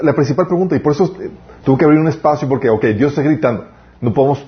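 A man giving a casual sermon as youth pastor, full of restarts and slowed emphatic phrases. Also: mid-range voice, muffled recording. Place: church.

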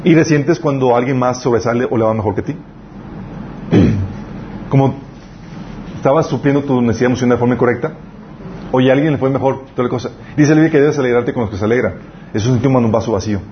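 A man's voice: mid-range voice, quick pace, long pauses. A man preaching a casual, conversational youth sermon, reading scripture and checking that listeners follow. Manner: conversational, asks listeners to agree. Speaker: youth pastor. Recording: slightly dull lo-fi recording with faint noise.

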